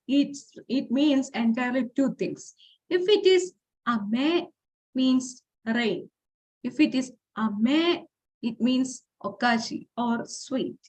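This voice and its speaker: A woman giving an informal lecture presentation, explaining step by step with fillers and restarts, and reading example phrases aloud. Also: high voice. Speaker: forum speaker.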